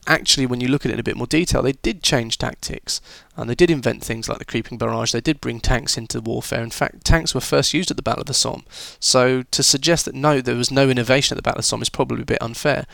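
Man, history teacher, informal chatty delivery, average pitch, dry close sound. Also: fast talker, vocal fry, hardly any pauses, fairly bright tone, no room sound. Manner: chatty and informal, with filler words and restarts. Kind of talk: recorded history lesson for students.

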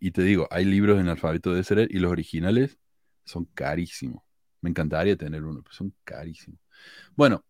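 A man's voice: lowish voice, no echo, clean studio sound. A man with an Argentine Córdoba accent hosting a podcast, explaining a topic in a chatty, blunt way with the odd swear word. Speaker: podcast host. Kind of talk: casual explanatory podcast talk.

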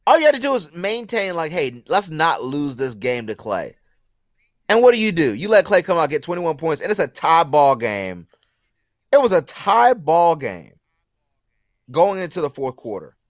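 A man's voice: a little high, dry recording, studio quality. A man co-hosting a sports talk show, ranting with disbelief in a heated debate. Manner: incredulous, ranting, animated.

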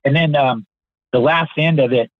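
A man's voice: fairly high pitch, moderate pace, no echo. A man in his sixties, a podcast guest telling stories in a casual, earnest and polite way, often restarting his sentences. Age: 60s. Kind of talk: casual anecdotal storytelling. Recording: tinny phone-like line, dry.

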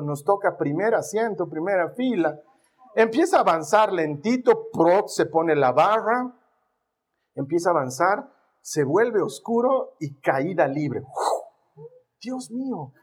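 Preacher, man, high and husky, very animated storytelling with sound effects. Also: unhurried. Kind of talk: storytelling sermon.

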